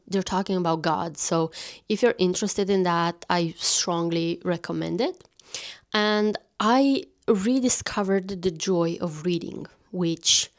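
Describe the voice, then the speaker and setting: A woman in her thirties gently chatting about books on a thin stand mic, now and then dropping into a whisper. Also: fairly low pitch. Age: 30s. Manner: gentle, intimate, dips into whispers. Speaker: channel host. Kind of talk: soft-spoken book chat.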